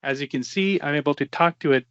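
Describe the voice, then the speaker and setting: A man's voice: a little high, fast, fairly bright tone, no room sound. French Canadian man demoing over a call. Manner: casual, joking, many fillers. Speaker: demo presenter. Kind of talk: live software demo on a video call. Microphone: video call mic. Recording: dull, dry video-call audio.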